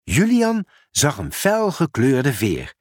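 A man narrates a children's storybook at an easy, unhurried pace. His voice is lively and rises and falls expressively through each sentence. The recording is close and dry, with no room sound. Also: a little high, no echo. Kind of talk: storybook read-aloud narration.

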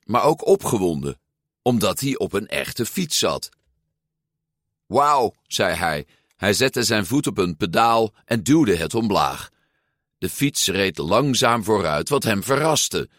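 Male storybook narrator, expressive, lively pitch, unhurried. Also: dry recording, studio quality. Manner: expressive, acts out the characters.

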